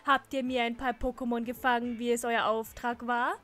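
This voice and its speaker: A woman's voice: fairly high pitch, little pitch movement, moderate pace, fairly bright tone, faint music behind, natural voice. A woman voicing a flamboyant, smug male villain boss, reading the game's dialogue aloud in a sing-song, coaxing way. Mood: theatrical coaxing.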